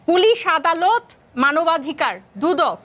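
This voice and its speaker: Bangladeshi woman on a talk show panel, argues hard, throws in english bits, high voice. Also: very animated, slow pace, fairly bright tone. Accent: Bangladeshi Bengali. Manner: argumentative, mixes English phrases into her Bengali. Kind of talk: political talk show debate.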